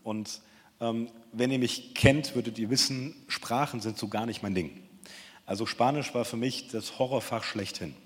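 A man's voice: mid-range voice, moderate pace, breathy edge. A young man giving a casual, chatty sermon, retelling a Bible story and acting out the quotes in slang. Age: young adult. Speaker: preacher. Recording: long hall reverb.

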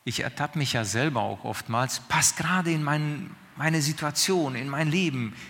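A man's voice: fairly high pitch, fairly bright tone. A man preaching a sermon in a conversational, questioning way, often checking in with his listeners. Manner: questioning, conversational, drawn-out pauses. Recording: long reverb of a hall.

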